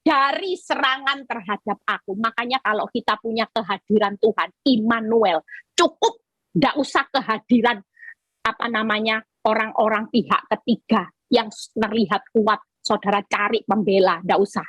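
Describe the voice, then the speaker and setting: A woman evangelist giving an emphatic sermon over a video call, breaking into high-pitched acted prayers. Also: steady tone, normal speed, a bit bright, slightly rough, no echo, poor audio. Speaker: evangelist preacher.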